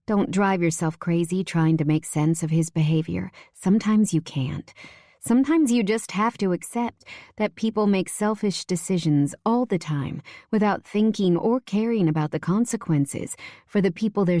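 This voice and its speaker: A woman reading a first-person romance audiobook in a soft, unhurried way, close to the mic. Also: lowish voice, no echo. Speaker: audiobook narrator.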